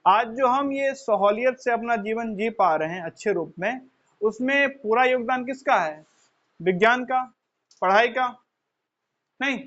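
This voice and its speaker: High-voiced man lecturing with rhetorical questions. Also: fairly bright tone. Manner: asks rhetorical questions and answers them himself; addresses listeners as children. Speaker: teacher. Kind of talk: motivational classroom lecture. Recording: dull lo-fi recording.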